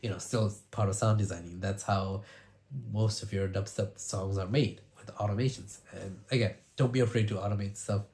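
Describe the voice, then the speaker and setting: A man with a somewhat low voice who sounds congested from a cold. He runs through sound design tips in a casual, rambling way, often stopping to restart his sentences and leaning on "you know.". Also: steady tone, brisk, darkish tone. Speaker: music producer and video host.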